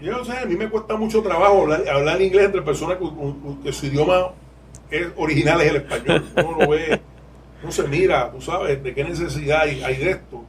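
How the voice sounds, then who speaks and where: Candid Puerto Rican lawyer, fairly high voice. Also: male voice, a little fast, recorded from a distance, a crowd in the background, poor audio. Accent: Puerto Rican Spanish. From Puerto Rico. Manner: candid, digressive, laughs while explaining. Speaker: lawyer and legal aid board president, guest. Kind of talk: podcast interview.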